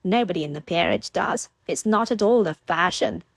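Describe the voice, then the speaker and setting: A woman voicing a playful, teasing young gentlewoman of the gentry, a bit higher than her narrating voice. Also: moderate pace, dry recording. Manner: lively, teasing.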